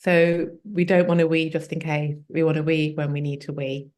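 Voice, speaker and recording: A woman, a health coach as guest, explaining at length in a relaxed conversational way with many fillers. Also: low voice, normal speed. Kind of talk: conversational interview.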